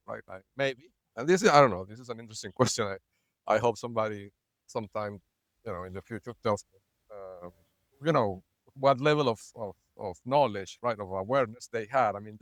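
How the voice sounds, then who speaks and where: A man recording a rambling personal video log, halting often, filling gaps with "uh" and "right?", and breaking into short laughs. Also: fairly low pitch, no room sound. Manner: halting, many fillers and repeated "right?"; laughs between words. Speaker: vlogger.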